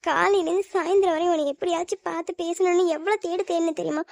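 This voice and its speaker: Actress for a hurt young cartoon heroine, fast and high, a dry close sound. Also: female voice, steady tone, vocal fry, darkish tone, dry recording. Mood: longing. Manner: plaintive, sulky and hurt. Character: young woman, lovesick and tearful. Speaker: voice actor. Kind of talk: cartoon voice acting.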